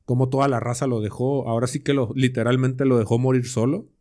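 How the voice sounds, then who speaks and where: A man's voice: medium pitch, steady tone, fast, dark tone. A man co-hosting a podcast, chatting through a Bible passage with slangy everyday examples and rhetorical questions. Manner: slangy, conversational. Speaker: podcast co-host. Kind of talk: casual Bible study chat.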